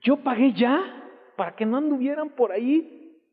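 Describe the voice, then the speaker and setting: A man's voice: extremely high pitch, normal speed. A Mexican man preaching as a pastor, emphatic and exclamatory, telling stories with quoted voices, on an old church recording. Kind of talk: sermon. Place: church hall. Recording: tinny lo-fi 1990s church recording, long hall reverb.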